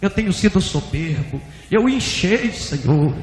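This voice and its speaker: A man voicing a proud pastor who begs God for mercy with desperate, shouting pleas, heard in an echoey hall. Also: high-pitched, lively intonation, measured pace. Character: proud male pastor pleading with God in tears. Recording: echoey hall, faint noise.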